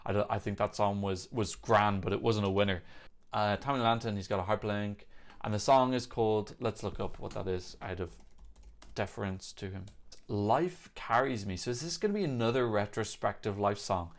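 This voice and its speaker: A man with a lowish voice talks at a moderate pace as host of a music reaction show. His commentary is casual and off the cuff, chatty and opinionated, as if he's thinking aloud. Songs from the music videos under review play in the background.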